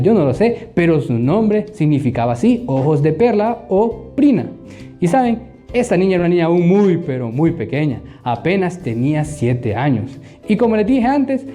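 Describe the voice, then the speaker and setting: An animated man tells a Bible story to children and keeps asking them questions. His voice is fairly high but mellow. Faint music plays behind him. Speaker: children's Bible school teacher.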